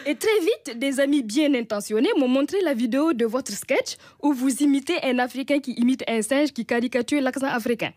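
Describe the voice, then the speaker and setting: A woman's voice: high voice, animated, fairly quick, few pauses, a little mellow, dry recording, clean studio sound. A woman with a Burkinabè accent reading a humorous radio column in a wry, teasing way, chuckling often. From Burkina Faso.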